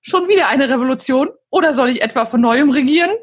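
A woman's voice: mid-range voice, quick pace, breathy edge. A woman voicing a deposed, bored old king who asks surprised questions.

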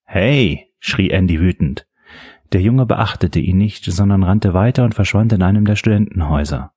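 Male audiobook narrator, very low, husky, measured, dry close sound. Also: dry recording. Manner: measured, steady storytelling.

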